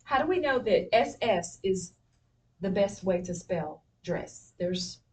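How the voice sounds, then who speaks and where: A woman's voice: mid-range voice, animated, slow, far from the mic. A woman teaching spelling to a class. She keeps prompting with questions and fills the gaps with "okay" and "all right." The mic sits well away from her, and a faint hiss runs under the recording.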